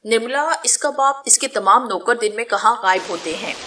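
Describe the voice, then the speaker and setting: A woman's voice: a little high, noisy background, lightly acted. A woman reading the part of an injured, stubborn young man who speaks defiantly and questioningly in a storybook reading.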